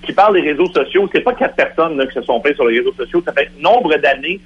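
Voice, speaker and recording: Fast, husky Quebec man arguing. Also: a little high, expressive. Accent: Quebec French. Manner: insistent, argumentative. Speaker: guest, radio prankster. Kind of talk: heated radio debate. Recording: lo-fi radio broadcast.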